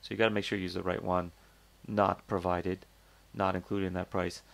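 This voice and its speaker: A man's voice: low voice, level tone, a little fast, vocal fry, fairly bright tone, dry recording. A man hosting a casual product review, thinking aloud with lots of fillers and restarts and a skeptical, conversational manner. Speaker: host reviewing crowdfunding products.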